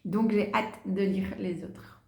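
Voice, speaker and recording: A woman's voice: mid-range voice, steady tone, takes it slowly, gravelly, warm tone. A woman vlogging about books she wants to read, chatting casually, with many fillers and little asides as she holds books up to the camera. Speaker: book vlogger. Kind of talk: casual book haul chat. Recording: echoey room.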